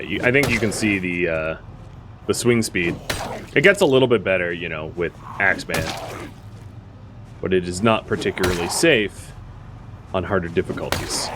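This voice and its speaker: Wry low-voiced man narrating gameplay. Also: background noise. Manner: chatty, wry, thinks aloud with fillers. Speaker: gaming streamer. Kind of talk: casual gameplay commentary.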